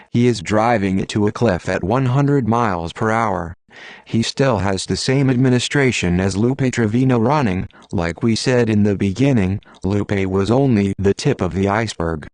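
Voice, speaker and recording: A man's voice: lowish voice, a little mellow, no echo. A man reading a scripted message as an activist spokesperson, formally addressing the public in a solemn, declamatory tone of warning.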